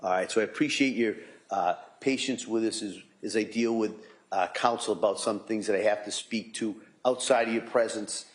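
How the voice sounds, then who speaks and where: An American man, a judge, speaking courteously and haltingly as he explains things from the bench. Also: on the low side. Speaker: judge presiding over a trial.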